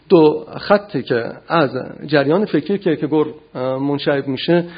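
A man giving an academic philosophy lecture, measured and often pausing to gather his thoughts. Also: medium pitch, slightly rough, highs cut off. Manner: measured, frequent hesitations.

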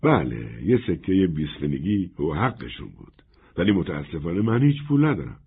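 A man voicing a gentle, melancholy wandering man in a soft, husky, resigned tone. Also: low-pitched, big pitch swings, heavily acted. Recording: narrow phone-like band.

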